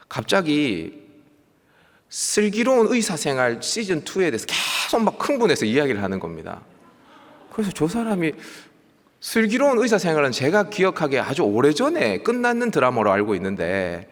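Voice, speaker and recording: A male youth pastor with a Gyeongsang accent delivers a sermon, animated and emphatic, repeating key words. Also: mid-range voice. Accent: Gyeongsang Korean. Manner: animated preaching with emphatic repetition and asides. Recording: long church hall reverb.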